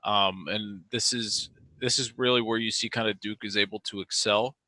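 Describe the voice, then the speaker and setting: A man with a lowish, bright voice gives relaxed color commentary for a fan livestream. He sounds sleepy and fills his analysis with ums. His voice is dry and close to the mic. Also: moderate pace, dry recording, low-quality recording. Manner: laid-back, sleepy, filler-heavy analysis.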